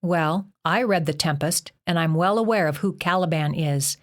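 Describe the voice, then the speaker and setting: A woman's voice: fairly low pitch, normal speed, lightly acted. A woman narrator voicing a touchy teenage boy who hates being talked down to, in an audiobook. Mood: indignant.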